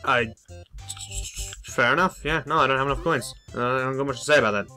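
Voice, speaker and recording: A man's voice: medium pitch, fast, sharp tone, faint music behind. A man giving playful, jokey let's-play commentary while playing a video game, sometimes swearing. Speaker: gaming video host.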